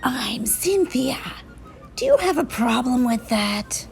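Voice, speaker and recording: A woman voicing Cynthia, a tough, snappy female monster in a children's storybook, with a raspy, whispery voice and curt manner. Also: high voice, sing-song, slow, voice pushed up, exaggerated voice. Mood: snappish. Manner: curt, challenging.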